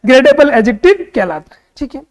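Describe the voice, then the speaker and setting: A high-voiced man teaches an exam-prep grammar lesson. He keeps asking the class questions and answering them himself. His voice rings out with a long reverb, as if in a hall. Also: very animated, brisk.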